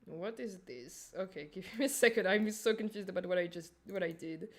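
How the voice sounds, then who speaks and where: A woman's voice: on the low side, brisk. Casual woman streamer with a Turkish accent. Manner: informal, chatty, addressing viewers. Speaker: streamer, animator. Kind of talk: casual livestream chat and explanation.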